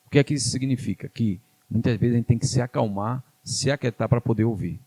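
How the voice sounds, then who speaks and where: A man's voice: medium pitch, quick pace, warm tone, dry recording. A man with a Brazilian Portuguese accent preaching a sermon in church, emphatic and repetitive, calling the congregation to answer back. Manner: emphatic call-and-response preaching, repeating phrases.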